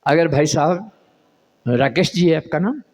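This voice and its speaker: An older man, a comic poet, reciting humorous verse to a live audience in a drawn-out, half-sung way, repeating lines and chatting with the crowd between them. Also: on the high side, expressive, a little mellow.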